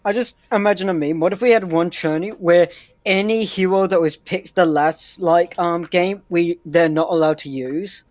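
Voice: mid-range voice, steady tone, moderate pace, a little mellow, no echo. A co-caster chatting casually about the game and easily exasperated. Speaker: stream co-caster.

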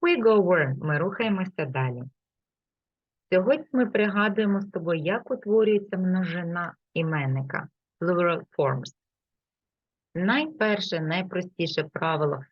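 A woman teaching an English lesson, explaining patiently and repeating example words clearly. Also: fairly low pitch, no room sound. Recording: dull, lo-fi, dry sound.

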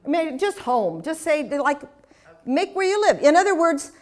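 A woman's voice: high voice, sing-song, normal speed, darkish tone. An older woman giving an interactive class talk, chatty and anecdotal, with humorous asides and questions to the audience. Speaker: speaker teaching a class.

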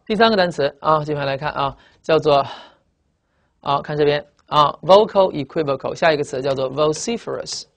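A male teacher lecturing in a classroom. He spells words out slowly, repeats them, and tags his phrases with "啊". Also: a little high. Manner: lively, drawn-out spelling and repetition, frequent "啊" tags. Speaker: English vocabulary teacher. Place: classroom with blackboard.

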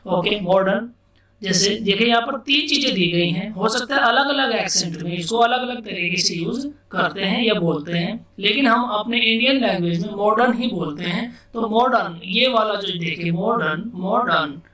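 A man's voice: sits high, bright, forceful tone. Indian man teaching in an echoey room. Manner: explains slowly, repeats words and asks himself questions. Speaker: English vocabulary teacher. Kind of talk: casual classroom-style explanation. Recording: echoey room, distant mic.

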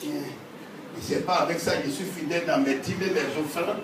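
A man preaching a sermon as pastor, animated, often acting out quoted church members. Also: on the high side, moderate pace. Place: church hall. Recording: very echoey hall, distant mic, faint noise.

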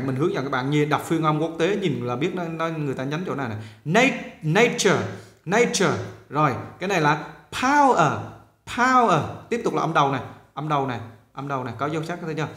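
A male teacher walking through an exam and drilling pronunciation by repeating words slowly. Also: fairly high pitch, a bit bright, echoey room. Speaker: English teacher. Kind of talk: exam walkthrough lesson.

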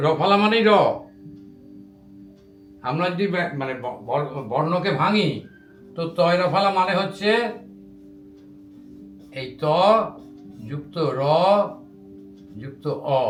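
A man teaching a grammar lesson to students, patiently reciting word forms slowly one by one. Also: fairly high pitch, roomy sound. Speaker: Sanskrit teacher.

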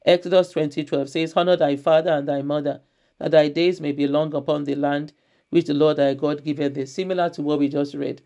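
A woman's voice: sits low, steady tone, brisk, dark tone. A woman pastor preaching a church sermon, repeating her key phrases emphatically and reading scripture aloud.

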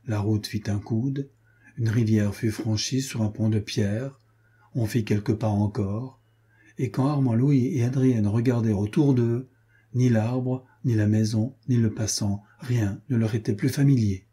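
A man reading a swashbuckling novel aloud as an audiobook narrator, in a measured, expressive way. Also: lowish voice, slightly rough. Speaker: audiobook reader. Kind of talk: scripted narration.

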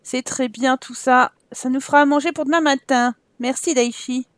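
A woman's voice: sits high, fairly even intonation, moderate pace, no room sound, studio quality. A young French woman commenting casually and playfully on her life-sim game, chatting to her characters as she plays. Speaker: Sims gameplay YouTuber. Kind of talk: casual let's-play commentary.

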